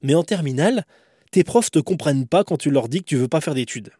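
A man's voice: on the high side, animated, brisk, warm tone, slightly rough, no room sound, clean studio sound. A man hosting his own podcast, telling his story in a candid, conversational way. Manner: candid, conversational, self-deprecating. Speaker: podcast host. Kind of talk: personal storytelling monologue.

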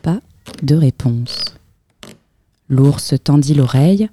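A woman reads a children's picture book aloud as a storyteller, expressive and lively, in a close, dry room. Her voice is low-pitched and her pace slow.

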